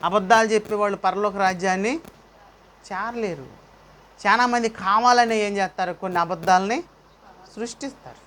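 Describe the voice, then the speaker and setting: A man's voice: sits high, moderate pace, long pauses, a bit bright. A male pastor preaching a sermon, asking the congregation questions and calling out praise. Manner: preaching with rhetorical questions and call-outs.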